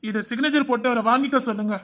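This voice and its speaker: A woman's voice: fairly high pitch, very fast, soft background music, voice pushed down, close to an everyday voice. A woman voicing a businesslike male government messenger with a Tirunelveli Tamil accent. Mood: official. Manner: businesslike, official. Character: brisk male government messenger, middle-aged.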